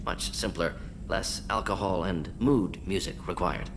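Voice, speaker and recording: In a video game, a man voices an eccentric alien who serves as scientist and doctor, speaking briskly in clipped, deadpan clinical phrases. There's dry amusement and a playful deadpan mood to it. His voice sits low, with background noise present.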